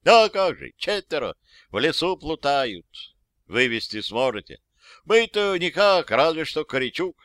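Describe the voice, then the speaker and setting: A rustic soldier's ghost voiced by a man, pitched well above the reader's own voice. He talks in a folksy, respectful way, and the sound is close and dry. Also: big pitch swings, unhurried, fairly bright tone, dry recording. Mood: eager, deferential. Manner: folksy, deferential, rustic speech. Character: ghost of a plain-spoken old-time soldier. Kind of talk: audiobook character voice.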